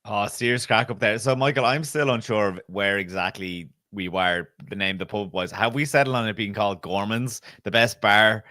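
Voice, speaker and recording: An Irish man co-hosts a sports podcast with casual banter. His voice is low, with a bright, forceful edge. The sound is dry, with very little room on it. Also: fairly even intonation, normal speed, few pauses, no room sound. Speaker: podcast co-host.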